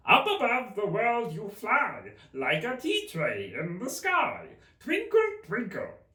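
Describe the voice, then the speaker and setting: A man's voice: sits high, wildly swooping pitch, slow, pushed and bright, pitched above the performer's own voice, exaggerated voice. A man voicing an eccentric, huffy and mournful male storybook Hatter, with an emphatic, theatrical and contemptuous manner. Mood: dramatic. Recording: roomy, distant microphone.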